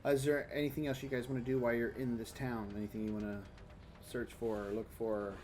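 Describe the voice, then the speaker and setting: A man's voice: medium pitch, level tone, fast, darkish tone. A man narrating a tabletop role-playing game as game master, describing scenes in detail and walking the players through them.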